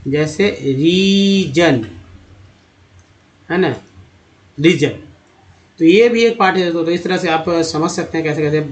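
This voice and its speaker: A man teaching a spelling lesson, sounding out letters slowly, repeating words and calling his viewers friends. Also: a little high, low-quality recording.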